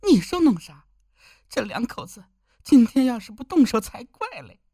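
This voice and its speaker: A fretful older village woman, voiced by a male narrator, husky and close to crying. Her voice climbs high and drops again as she frets. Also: big pitch swings, normal speed, darkish tone, no room sound. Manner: fretful, near tears.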